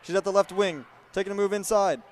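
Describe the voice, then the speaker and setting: With a high voice and a fast delivery, this American man in his twenties reads sports highlights and calls play-by-play as a student reporter. A little hiss or hum can be heard.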